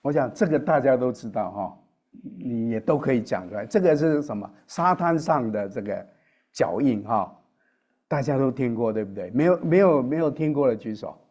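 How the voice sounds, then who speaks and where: A man preaching a sermon, talking directly to the congregation with questions and a soft tag at the end of his sentences. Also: mid-range voice, animated, moderate pace. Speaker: pastor.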